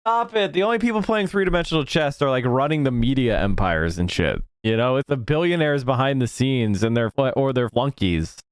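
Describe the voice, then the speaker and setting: Smooth-voiced sarcastic co-host. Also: male voice, medium pitch, animated, brisk, few pauses, no room sound, clean studio sound. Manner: sarcastic, exasperated. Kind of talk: casual commentary stream.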